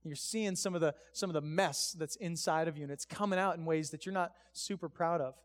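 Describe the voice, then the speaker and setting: Brief: male pastor, high voice, casual storytelling sermon full of fillers, echoey hall reverb. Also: fairly quick. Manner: casual, chatty, many fillers and restarts. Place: church sanctuary, live service.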